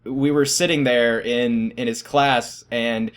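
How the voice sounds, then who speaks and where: A man's voice: mid-range voice, fairly even intonation, takes it slowly, clean tone. A teenage boy casually telling stories about his school days, rambling and self-deprecating, often laughing at himself. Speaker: vlogger. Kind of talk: casual storytelling.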